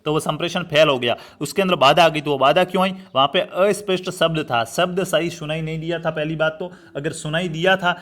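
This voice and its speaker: This young man's voice is on the high side, steady and a bit bright, moving a little fast with few pauses. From Rajasthan, India, he teaches an online exam-prep lecture step by step, repeating and explaining, often checking in with students he treats as friends.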